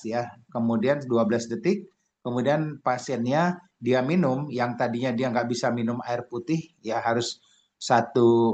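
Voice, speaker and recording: A man's voice: mid-range voice, lo-fi sound. A man giving a motivational talk over slides, tagging his sentences with "ya" and restarting words as he goes. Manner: frequent "ya" tags, restarts, acted shouted quotes. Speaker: presenter.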